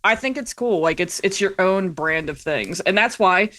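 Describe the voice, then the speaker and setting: A woman, an indie producer appearing as a podcast guest, tells stories in a casual, informal chat full of "like" and "you know." Her mid-range voice is expressive, bright and forceful, at a normal speed.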